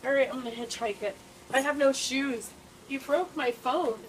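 A drunk woman with a strikingly high voice begs and sobs, her words repeating in tearful pleas. She is recorded from a police body camera with a faint hiss behind her. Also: normal speed, poor audio. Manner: pleading, begging over and over. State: intoxicated, crying. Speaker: arrested woman. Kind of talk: body cam encounter with police. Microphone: officer's body camera.

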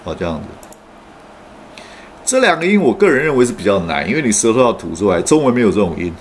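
In an online pronunciation lesson, a man explains English sounds patiently, his pitch swinging widely up and down. He leans on frequent "oh" fillers and models each sample word slowly and carefully, with a faint room hiss beneath his voice.

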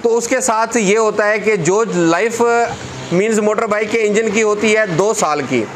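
A man's voice: sits high, unhurried, slight background noise. A man, a motorcycle mechanic earnestly giving repair tips to camera in his parts shop, speaking on a lapel mic. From Pakistan. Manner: earnest, repetitive, hands gesturing. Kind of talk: talking-head repair tips. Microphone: clip-on lapel mic.

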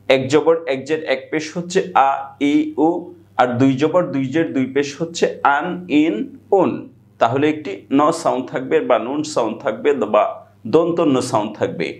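A man with a Bangladeshi Bengali accent gives a scripted reading lesson at an even, mid-range pitch. He works through letter sounds slowly and methodically, repeating each one patiently. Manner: slow, measured, repetitive drilling. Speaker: Quran reading teacher.

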